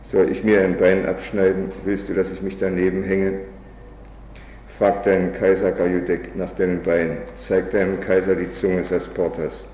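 A man reading aloud as a bitter, drunken old male revolutionary, in a flat, weary recitation. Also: sits low, measured pace, recorded from a distance. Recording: echoey hall, faint background noise.

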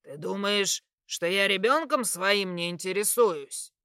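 A woman voicing a gruff grumbling father. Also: a little slow, bright, forceful tone, dry recording, studio quality. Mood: stern. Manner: grumbling, blunt, lowered voice. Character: gruff working-class father, middle-aged man, blunt.

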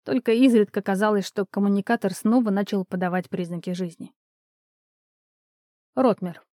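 Mellow-voiced woman reading a novel. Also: medium pitch, moderate pace, no room sound, studio quality. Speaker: audiobook narrator. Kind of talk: scripted audiobook narration.

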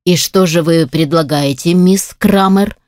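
A woman voicing a calm, tall male elf prosecutor in a fantasy audiobook, speaking in a measured, unhurried way. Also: fairly low pitch, no room sound, clean studio sound, lightly acted.

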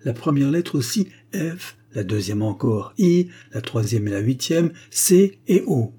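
A man's voice: medium pitch, sing-song, unhurried, warm tone, breathy edge, voice pushed up. A man voicing an eager, impatient young heir in an audiobook.

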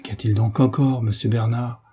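A man voicing a polite, shy young heiress who speaks softly. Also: mid-range voice, steady tone, normal speed, breathy edge.

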